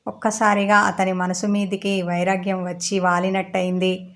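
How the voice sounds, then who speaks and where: A woman storyteller reading a romance story aloud in a steady, even way. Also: medium pitch, normal speed.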